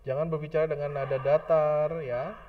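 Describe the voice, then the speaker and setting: A man with an Indonesian accent giving a class lecture, mixing English phrases into his talk and pausing often on fillers. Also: fairly high pitch, level tone, recorded from a distance, phone-quality sound, a little hiss or hum.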